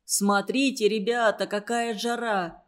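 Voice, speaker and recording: A woman reading a children's story aloud, voicing a calm, level-headed boy who leads his group. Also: mid-range voice, measured pace, lightly acted. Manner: calm, reasoning.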